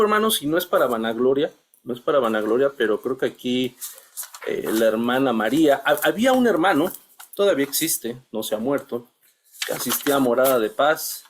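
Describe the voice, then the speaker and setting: Middle-aged guy telling his church class a testimony, earnest, lots of restarts, medium pitch voice. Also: slight background noise. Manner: earnest, halting, many restarts, calls listeners brothers. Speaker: church member giving testimony in a Bible class.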